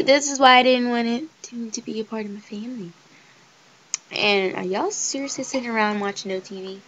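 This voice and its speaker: A young woman giving chatty, excitable commentary over a life-sim game she is playing. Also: mid-range voice, vocal fry, lo-fi sound, a little hiss or hum. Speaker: let's play gamer.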